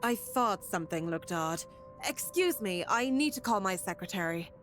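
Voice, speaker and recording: A woman's voice: mid-range voice, expressive, normal speed, soft background music, natural voice. A woman reading as a cool, businesslike female designer in a story, with a detached manner.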